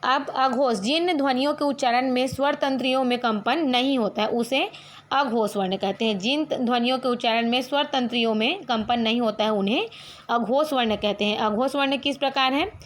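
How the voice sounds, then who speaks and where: A woman teacher giving an online grammar lesson, explaining step by step, asking questions and answering them herself, and sounding out letters slowly one at a time. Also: on the high side.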